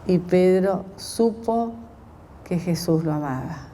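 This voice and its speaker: A woman slowly telling a story as a meditation, pausing often and voicing the quoted lines of its characters. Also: lowish voice, dark tone, a little hiss or hum.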